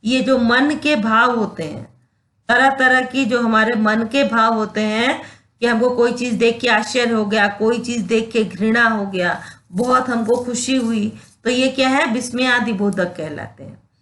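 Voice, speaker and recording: Slow, patient woman teaching grammar. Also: fairly high pitch, fairly even intonation, fairly bright tone. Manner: explains slowly, reads out example sentences and checks understanding. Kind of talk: classroom grammar lesson.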